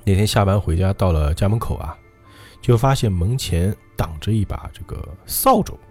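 A lively male podcast co-host with a low, dark voice that swings a lot in pitch. He talks fast with quick, casual reactions, and faint music plays softly behind him. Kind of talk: casual chat, reading listener ghost stories.

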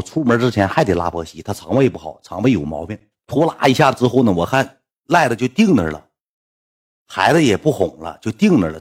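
Husky and fairly low-pitched, this storyteller speaks with a Northeastern Mandarin accent. He spins a funny anecdote casually, wandering and repetitive, colloquial, with occasional swearing.

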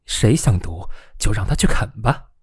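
A man reading the lines of a quiet, sardonic young college student in a storybook reading, in a hushed, dry tone. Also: lowish voice, animated, moderate pace, husky.

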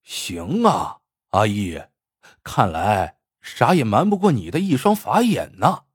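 A man voicing a fat, scheming male shopkeeper who mocks and tests a blind customer, with a husky, teasing manner in a storybook tale. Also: lowish voice, sing-song, takes it slowly, no room sound, studio quality, exaggerated voice. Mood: mocking. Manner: sneering, teasing.

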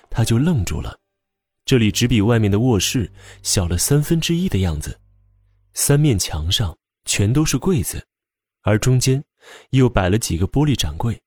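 A man narrating an audiobook drama with expressive storytelling. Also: on the low side, husky, no room sound.

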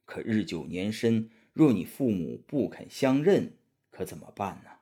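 A meek, humble monk from a storybook, thanking his rescuer in a soft, worried voice, as a male narrator puts him on. The tone is low and husky. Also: big pitch swings, unhurried, full character voice. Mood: grateful.

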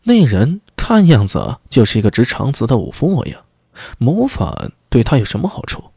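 A man narrates a serialized story in an expressive, conversational way. His voice is husky and animated in pitch. The recording is dry and close to the mic. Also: normal speed, no echo. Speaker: audiobook narrator.

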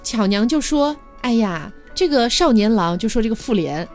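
This podcast storyteller, a woman with a fairly high pitch, retells a classic tale at a moderate pace. She voices the characters' lines with laughter in a lively, casual style over background music.

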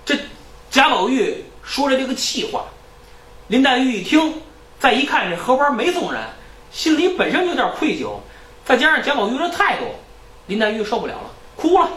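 A man lecturing in a lively storytelling style, acting out characters' lines. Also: very high voice, moderate pace, reverberant, recorded from a distance, rough recording.

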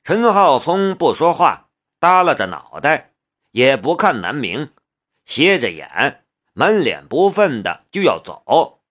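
A man narrating an audiobook with expressive storytelling. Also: a little high, slow pace.

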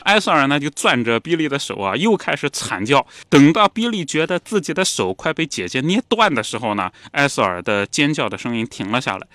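A man hosting a podcast, retelling a novel in an animated, storytelling chat. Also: medium pitch, fairly quick, few pauses, dry recording. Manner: animated storyteller, acts out lines. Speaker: podcast host.

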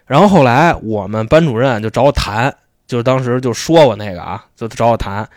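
A man's voice: medium pitch, a little fast, a little mellow, dry recording, clean studio sound. A man telling slangy, chatty stories as a podcast host. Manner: chatty, slangy storytelling, often asks "you know?". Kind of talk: casual storytelling chat.

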